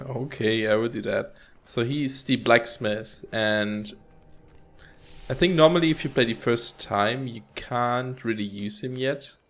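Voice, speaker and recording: A man's voice: mid-range voice, a little slow, fairly bright tone. A man hosting a let's play, chatting casually and upbeat as he plays, with rambling asides. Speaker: gaming channel host.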